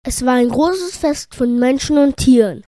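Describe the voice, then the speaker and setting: A woman's voice: high voice, a little slow, music in the background. A woman reading a scripted children's story as narrator.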